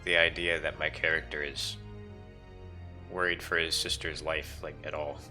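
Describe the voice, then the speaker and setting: A man's voice: rumbling low, flat delivery, moderate pace, over music. A man giving casual, wry gameplay commentary as he plays. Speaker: gamer commenting on a game.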